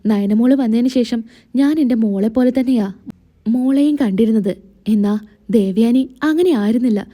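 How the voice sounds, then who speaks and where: A woman voicing a kindly father-in-law in a calm, earnest way. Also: on the high side, normal speed, lightly acted.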